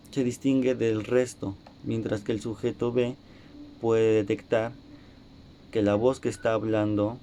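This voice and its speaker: A man's voice: on the low side, mellow, slight background noise. Young man giving a class presentation. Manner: explanatory, acts out short examples. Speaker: student presenter.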